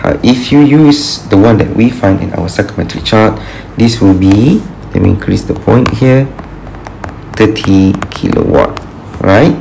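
Low gravelly-voiced male lecturer. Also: measured pace, darkish tone, a little hiss or hum, poor audio. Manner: patient, thinking aloud with fillers. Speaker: engineering lecturer. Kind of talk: recorded tutorial walkthrough. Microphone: screen recording with voice-over.

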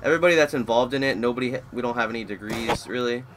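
A man's voice: medium pitch, rapid-fire, background noise. Rambling twenty-something gamer man. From Florida, USA. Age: 20s. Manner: rambling, easily distracted by the match. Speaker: gaming YouTuber. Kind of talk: live gameplay commentary.

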